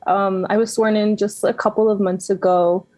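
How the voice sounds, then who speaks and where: A woman in her twenties from Denver speaks as a guest on a radio interview. Her voice is mellow and soft-spoken, with hesitant ums, and the sound is dry and close. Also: mid-range voice, level tone, normal speed, dry recording. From Denver, USA. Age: 20s. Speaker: community organizer.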